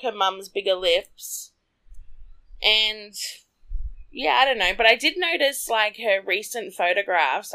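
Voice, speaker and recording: A woman's voice: mid-range voice, sharp tone. A woman chatting casually about celebrity gossip, bluntly, with lots of "like" fillers.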